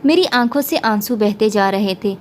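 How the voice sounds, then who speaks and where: A woman storyteller reading an emotional first-person story in a steady, emotive way. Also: mid-range voice, a little hiss or hum. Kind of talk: scripted story narration.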